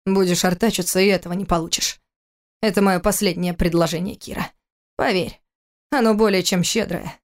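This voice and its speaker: A woman's voice: fairly low pitch, steady tone, moderate pace, natural voice. A woman voicing a cold, furious adult husband in an audiobook, speaking in a harsh, clipped, contemptuous way. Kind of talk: audiobook character reading.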